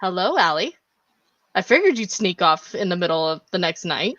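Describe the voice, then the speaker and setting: A woman's voice: fairly low pitch, big pitch swings, normal speed, a bit bright, no room sound. Woman playing a no-nonsense shopkeeper woman; dry, muffled recording. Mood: brisk. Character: brisk welcoming woman, vampire shop keeper. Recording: dull lo-fi, dry.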